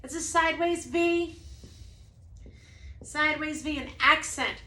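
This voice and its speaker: A preschool music teacher talks casually through a lesson at an unhurried pace, her sharp-toned voice sounding roomy. She demonstrates by singing short snippets, then speaks casually, and mentions that she has a low voice.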